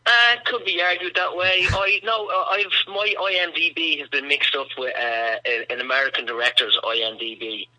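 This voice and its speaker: A man on a radio interview spins long comic anecdotes, chuckling through the punchlines. His voice is very bright and sharp, and the sound is completely dry with no room around it. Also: on the high side, fairly even intonation, brisk, few pauses, dry recording, dull audio. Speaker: comedian guest. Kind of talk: casual radio interview storytelling.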